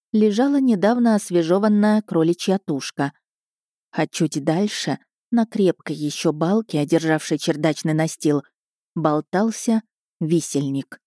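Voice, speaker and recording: A woman narrates an audiobook in a measured, even storytelling style. Her low voice is mellow and warm, recorded close and dry with no room sound.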